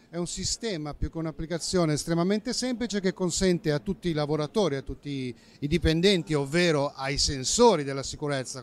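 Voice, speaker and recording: A man's voice: a little high, smooth. A man in his fifties demonstrating a safety app at a busy indoor trade fair stand, speaking into a handheld mic, explanatory and fluent with small self-corrections. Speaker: company safety manager. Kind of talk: trade fair product demo. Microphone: handheld interviewer mic.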